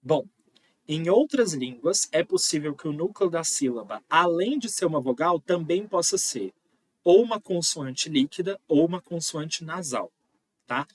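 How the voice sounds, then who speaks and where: A man teaches phonology in an online lecture, his voice a touch husky. He explains step by step and keeps checking in with his listeners. The sound is close and dry, with no room around it. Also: on the high side, expressive, a little slow, no room sound. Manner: explains patiently, with frequent "tá?" checks. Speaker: linguistics teacher.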